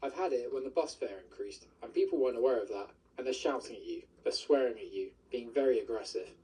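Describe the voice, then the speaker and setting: A man's voice: medium pitch, fast talker, warm tone, slightly rough, recorded from a distance, low-quality recording. A bus driver, a man, talking earnestly in a news interview, his voice electronically altered to hide who he is. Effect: voice electronically altered to hide identity.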